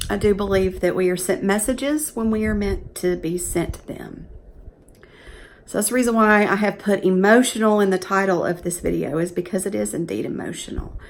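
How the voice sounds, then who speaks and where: A woman, talking earnestly and chattily to camera in a casual vlog. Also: medium pitch. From Georgia, USA. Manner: earnest, chatty, emotional at times. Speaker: professional organizer vlogger.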